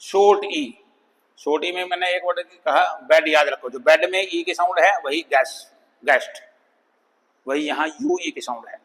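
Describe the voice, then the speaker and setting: A man teaching an English phonics lesson, sounding out words slowly and repeating them for students. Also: on the high side, fairly bright tone, long reverb tail, rough recording. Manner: slow, drawn-out demonstration of words, calls students "bhai".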